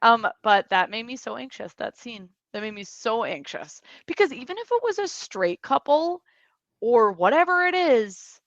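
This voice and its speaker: A woman's voice: a little high, animated, normal speed, fairly bright tone, no echo. Young American woman, podcast co-host; casual, rambling, laughs a lot; dull lo-fi audio. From United States. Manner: chatty, laughs often, rambling asides. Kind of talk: casual chat.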